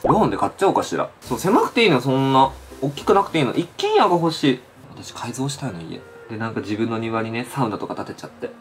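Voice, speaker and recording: A man's voice: mid-range voice, wildly swooping pitch, fast, hardly any pauses. A man in his thirties hosting a casual get-ready-with-me chat, playful and chatty, speaking in a feminine-styled way. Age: 30s. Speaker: channel host. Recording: clear background noise.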